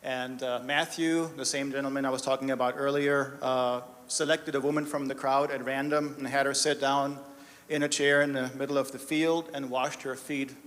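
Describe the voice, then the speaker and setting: A man's voice: mid-range voice, little pitch movement, moderate pace, fairly bright tone. A man giving a heartfelt testimony as a director of development, telling stories in an earnest, emotional way. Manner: earnest, storytelling, emotional at times. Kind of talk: live testimony talk with slides. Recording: reverberant hall.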